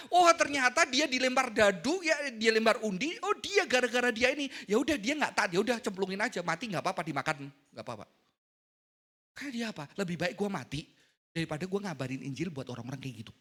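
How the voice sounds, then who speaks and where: Bright-voiced joking preacher man. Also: high voice, expressive, fast. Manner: chatty, joking, mixes in English words. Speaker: youth service preacher. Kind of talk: casual sermon.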